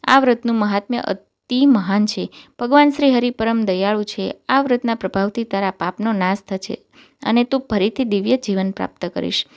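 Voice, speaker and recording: Woman voicing a gentle old sage. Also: medium pitch, moderate pace, lightly acted. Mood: compassionate. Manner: gentle, instructive. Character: old male sage, compassionate and serene.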